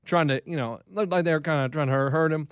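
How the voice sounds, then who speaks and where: A man on a casual sports podcast who walks through plays with emphatic play-by-play detail. His voice is a touch high for a man. The recording is dry and close. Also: fast, smooth, dry recording. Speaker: podcast co-host.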